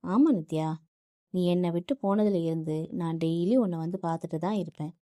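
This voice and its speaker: A woman narrator voicing a middle-aged father who calmly reassures his daughter. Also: fairly low pitch, moderate pace, dry recording, studio quality, lightly acted. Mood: gentle reassuring. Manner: calm, reassuring. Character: middle-aged man, gentle soothing father.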